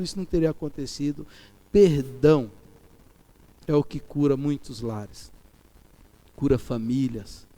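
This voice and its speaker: A middle-aged Brazilian man preaching a sermon with a Brazilian Portuguese accent. He repeats key phrases and swings from loud, emphatic peaks to soft, pleading lines. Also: fairly high pitch. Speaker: pastor.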